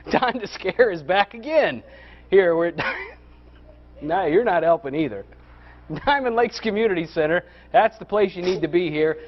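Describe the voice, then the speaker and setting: A man with a slightly high voice ad-libs a live TV forecast. He keeps trying to hold down giggles that slip into his speech. The sound is a little dull and lo-fi. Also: lively intonation, measured pace, long pauses. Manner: stifling giggles, chuckling through his words. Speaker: TV weather presenter.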